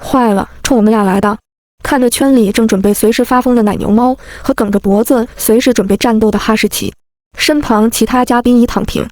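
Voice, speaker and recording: A woman narrating a first-person story in a lively, wry, comic manner. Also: on the high side, fairly quick, dry recording.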